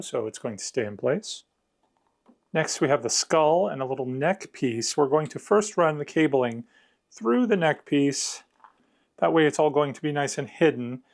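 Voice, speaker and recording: A man's voice: mid-range voice, gravelly. A man narrating a hands-on unboxing and review in a casual, conversational, explanatory way. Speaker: product reviewer.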